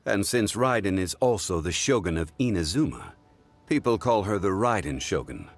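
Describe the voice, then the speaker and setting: In a scripted game cutscene, a male actor with a deep voice plays a calm, dignified ancient god living as a mortal. He speaks in a measured, formal, reflective way, grave and explanatory, over soft game music.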